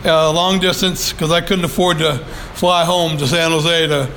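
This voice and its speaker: At a recovery meeting, an older man talks into a handheld microphone in a meeting room, his story wandering and folksy with many fillers. His voice is a little high and a bit bright, delivered flatly at normal speed, with slight background noise.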